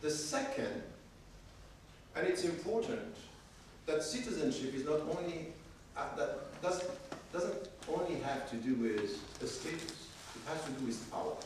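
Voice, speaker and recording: A man's voice: a little high, darkish tone, slight background noise. Emphatic man lecturing in an echoey hall. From Switzerland. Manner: emphatic, repeats words while searching for them. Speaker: workshop speaker. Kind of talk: academic lecture. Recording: echoey hall, distant mic.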